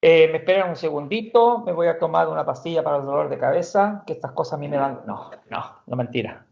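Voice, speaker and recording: A man teaching an online language class, explaining slowly and patiently, with frequent restarts and repeated words. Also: a little high, animated, vocal fry, darkish tone, lo-fi sound. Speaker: Swedish teacher.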